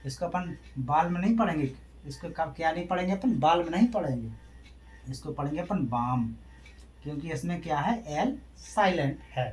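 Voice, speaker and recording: With soft music in the background, a male English teacher gives a classroom lesson explained in Hindi. His slightly high voice has a darkish tone and lively intonation at a moderate pace, and he answers his own questions and spells out letters one at a time.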